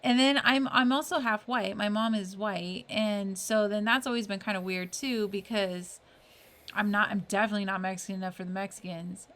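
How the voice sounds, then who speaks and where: A woman's voice: medium pitch, fairly even intonation, moderate pace, a bit bright. A woman chatting on a podcast, rambling casually with lots of "like". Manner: chatty, rambling with many likes. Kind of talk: casual chat.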